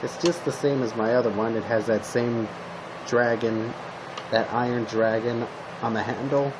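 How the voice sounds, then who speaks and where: A roleplay video creator with a mid-range male voice plays a calm survivor of a zombie apocalypse, sharing weapon tips directly with the listener. He improvises casually in unhurried short fragments, and a clear hum runs through the homemade recording.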